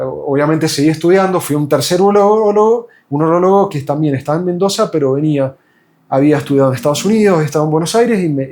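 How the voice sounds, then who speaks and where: Argentine man, patient testimonial, casual and halting, slightly high voice. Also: a little mellow. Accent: Argentine Spanish. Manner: hesitant, many fillers and restarts.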